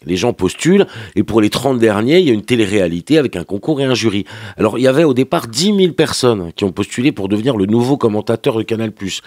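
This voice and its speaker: Male radio columnist, French accent, rapid mocking delivery, dry close studio sound. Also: fairly low pitch, lively intonation, a little mellow, no echo. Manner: sarcastic, slangy and mocking. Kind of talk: opinionated TV review on morning radio. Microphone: studio microphone.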